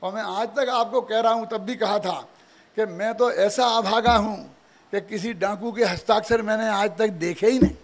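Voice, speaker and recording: An older man giving a religious discourse, animated, full of rhetorical questions and chuckling asides. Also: sits high, moderate pace. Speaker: preacher.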